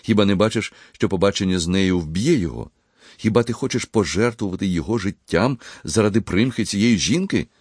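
A man's voice: fairly low pitch, animated, a little fast, darkish tone, husky, dry recording, studio quality. A man voicing a protective young doctor who speaks in reproachful exclamations. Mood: indignant.

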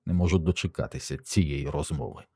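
A man's voice: very deep voice, a little fast, darkish tone, breathy edge, dry recording, clean studio sound, heavily acted. A man voicing a firm, commanding agency boss.

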